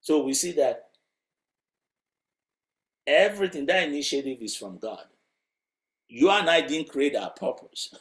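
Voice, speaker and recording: A man's voice: medium pitch, lively intonation, moderate pace, a bit bright. A man preaching a sermon in a conversational, emphatic way, asking rhetorical questions. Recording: roomy echo.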